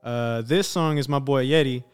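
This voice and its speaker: Over background music, a young Sacramento rapper makes casual conversation as a podcast guest, relaxed and leaning on "you know" all the time. He has a clear, resonant, medium-pitched voice and speaks at a normal speed.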